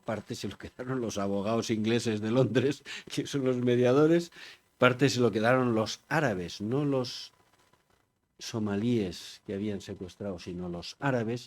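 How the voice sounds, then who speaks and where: An older man from Spain giving an informal public talk, chatty and digressive, often turning to the audience with questions. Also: on the low side. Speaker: conference speaker.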